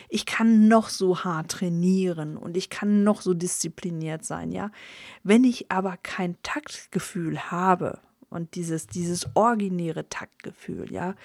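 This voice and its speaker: A woman's voice: medium pitch, a little mellow, no room sound, studio quality. A middle-aged woman from the Ruhr area of Germany with a Ruhr German accent, giving a casual motivational talk as a business coach and tagging "ja" onto her sentences. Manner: chatty, filler "ja" after many sentences.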